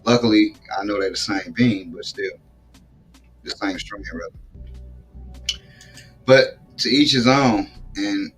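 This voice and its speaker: A man's voice: lowish voice, slow, long pauses, husky, soft background music. Slangy, laid-back streaming man. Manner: loose, slangy, swearing freely. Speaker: podcast host showing his grow. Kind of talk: casual stream chat.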